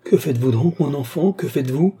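A man's voice: mid-range voice, fairly quick, dark tone, slightly rough. A man voicing a haughty royal princess who gives commands and grows alarmed, read in an audiobook. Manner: commanding, indignant. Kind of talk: audiobook character reading.

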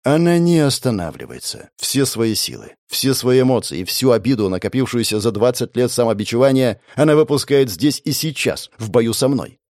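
A man's voice: mid-range voice, very animated, moderate pace, hardly any pauses, darkish tone, no room sound, clean studio sound. A man reading a first-person audiobook in a tense, gritty storytelling manner. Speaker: audiobook narrator.

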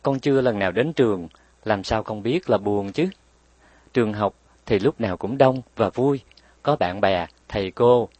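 A man voicing a tender but firm mother who explains patiently and scolds gently, in a raised voice. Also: lowish voice, normal speed, no echo, lightly acted.

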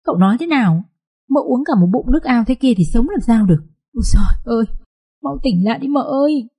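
A woman voicing a young servant girl who wails and pleads loudly in a shrill, raised voice. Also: animated, quick pace, breathy edge. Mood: panicked wailing. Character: young frantic servant girl, loud and tearful.

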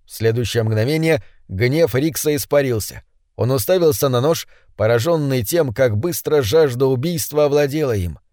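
A man narrating an audiobook with measured, dramatic reading. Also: mid-range voice, a little mellow, no echo, studio quality. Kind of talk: scripted narration.

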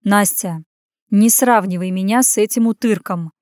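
A woman's voice: medium pitch, fairly even intonation, unhurried, a little mellow, smooth, dry recording, clean studio sound, lightly acted. A woman reading the lines of a grown bearded man who speaks bluntly and bossily, with a teasing edge. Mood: gruff. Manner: blunt, bossy remarks.

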